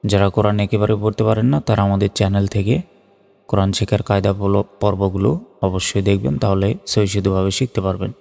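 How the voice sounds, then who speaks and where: Spelling each letter and vowel in turn, a man teaches Quran reading, then sings out the whole word in melodic recitation. His lowish voice is gravelly and dark, fairly quick and fairly even in intonation, heard in a reverberant space with faint background music.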